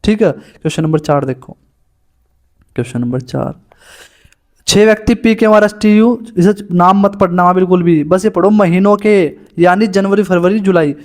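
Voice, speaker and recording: High-voiced man teaching puzzles chattily. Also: moderate pace. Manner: chatty, calls students "bhai". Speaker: exam coaching teacher. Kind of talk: solving puzzles on a board.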